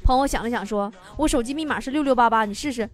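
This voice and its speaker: A woman hosting a comedy podcast, reading listener messages aloud and answering them with teasing, quick wisecracks. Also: on the high side, soft background music. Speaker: podcast host.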